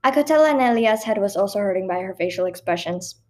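A woman reading her own personal story aloud in a lively, expressive way, with a few small stumbles. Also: mid-range voice, fast talker.

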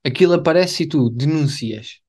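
A man's voice: fairly high pitch, expressive, normal speed, a little mellow. A young man chats casually as a podcast co-host, using slang and repeating himself for emphasis. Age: young adult. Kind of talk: casual chat.

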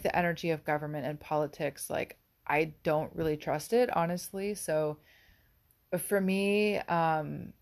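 A young woman with a low voice muses slowly about astrology and inner growth. She meanders and reflects aloud, leaning on fillers as she searches for her words. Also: a little mellow. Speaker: astrology vlogger. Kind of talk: casual spiritual monologue.

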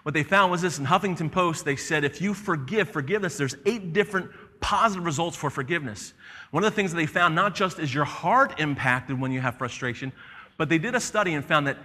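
Bright-voiced preacher in a reverberant hall. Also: male voice, fairly high pitch, fairly quick. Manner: animated preaching, acts out the story's voices. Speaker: pastor. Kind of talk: sermon.

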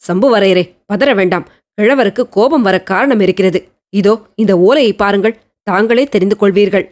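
A woman voicing a young male warrior who speaks in a measured, steady way, pitched below her own voice. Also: close to an everyday voice. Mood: calm. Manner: calm, measured. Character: young male warrior prince, calm and urgent.

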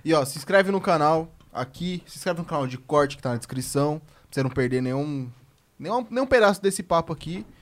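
A man's voice: fairly high pitch, expressive, fairly quick. A man co-hosting a podcast, joking and loose, rattling off promos. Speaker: podcast co-host. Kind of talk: casual podcast chat.

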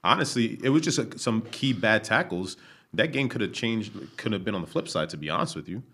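A man's voice: lowish voice, animated, brisk, fairly bright tone. A man chatting casually about football, laid-back and full of "you know" fillers, with the odd swear. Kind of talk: casual sports chat.

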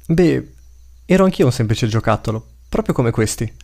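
A man's voice: medium pitch, animated, moderate pace, gravelly. A man voicing a brave, polite young woman who is a doll brought to life by magic, in a storybook reading. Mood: gentle. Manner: polite and gentle. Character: brave young female living doll, a warrior mage.

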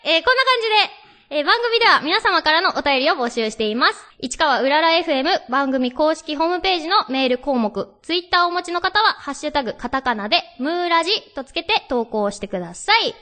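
Lively high-voiced woman radio host. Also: fairly quick, few pauses. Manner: chatty storyteller, reads listener mail. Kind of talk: radio talk show chat.

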